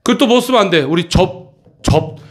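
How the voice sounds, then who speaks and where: Lively male tutor, animated pitch. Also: normal speed. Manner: lively, questioning students, repeats checks like "그지?". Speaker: English teacher at a cram school. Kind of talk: classroom lesson explaining a textbook passage.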